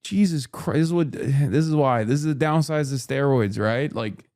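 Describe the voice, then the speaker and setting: A man's voice: mid-range voice, moderate pace, background noise. A man in his thirties hosting a stream, giving rambling, emphatic, profane reaction commentary into a close mic. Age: 30s. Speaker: streamer host.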